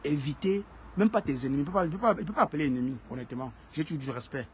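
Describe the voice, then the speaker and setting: A man hosting a casual live stream, speaking in a fairly high voice. He talks straight to his viewers and repeats key phrases to drive his point home. A faint ambient hum sits behind him. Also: rapid-fire. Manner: emphatic, repeats phrases for stress; greets and answers viewers by name.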